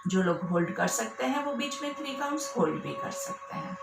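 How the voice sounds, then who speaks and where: A woman yoga instructor leading a guided breathing class, calmly counting each breath in and out. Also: fairly high pitch, vocal fry. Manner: calm slow counting of breaths, mixing Hindi and English. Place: care center hall. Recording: roomy, from far off, with music.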